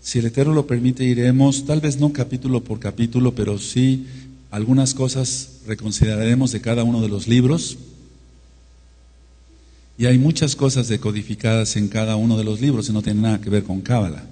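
Emphatic preacher in an echoing hall. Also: male voice, medium pitch, steady tone, warm tone, slightly rough. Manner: emphatic, drawn-out teaching with frequent asides. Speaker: teacher of a Torah study. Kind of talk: Bible study sermon.

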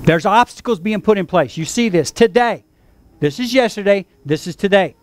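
A man's voice: high voice, expressive, moderate pace. A man preaching a sermon to his church, leading call-and-response and repeating phrases for emphasis. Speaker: pastor.

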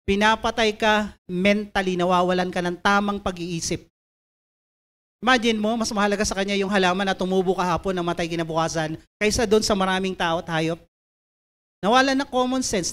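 A woman's voice: mid-range voice, a bit bright. Emphatic woman preaching a sermon. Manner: emphatic, reads scripture slowly, asks listeners to repeat phrases to their neighbor.

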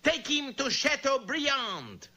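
A man's voice: extremely high pitch, very animated, takes it slowly, pushed and bright, full character voice. A man voicing a pompous, hot-tempered villain with a theatrical manner in a vintage cartoon. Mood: menacing. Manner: theatrical, indignant. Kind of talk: vintage animated cartoon acting.

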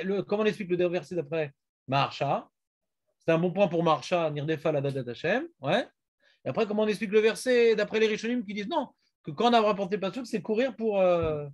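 A man teaching a Talmud class, questioning and prodding his students. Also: sits high.

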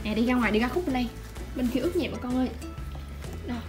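Woman, higher voice, chatty and doting home vlogger, music bed behind. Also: lively intonation, rapid-fire. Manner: doting, chatty, talks baby talk to puppies. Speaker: pet vlogger. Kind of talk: casual vlog narration.

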